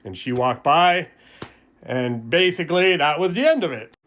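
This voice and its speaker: A middle-aged man telling a story to camera, with heavy swearing and lively acted-out bits. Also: on the high side, moderate pace. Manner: profane, animated storytelling that acts out voices. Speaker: sobriety vlogger.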